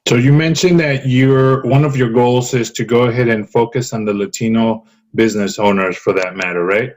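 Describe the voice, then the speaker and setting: A man's voice: medium pitch, steady tone, normal speed, a little mellow, low-quality recording. A man hosting an interview, asking questions hesitantly and repeating words. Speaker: interview host.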